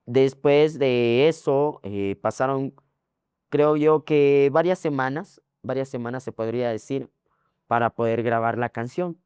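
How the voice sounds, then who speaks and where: A young Ecuadorian man talks through his story as an interview guest, circling back over his own phrases with frequent fillers. His voice is smooth and resonant at a middle pitch, recorded close and dry. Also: unhurried, a little mellow, no echo. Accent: Ecuadorian Spanish. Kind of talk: casual interview.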